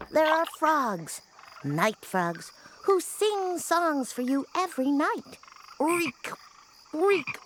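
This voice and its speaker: A dutiful cartoon robot babysitter. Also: female voice, high-pitched, slight background noise, exaggerated voice. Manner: stiff, programmed phrasing that switches into a soft storytelling voice. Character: female robot babysitter, literal-minded and dutiful. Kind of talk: reading a bedtime story aloud.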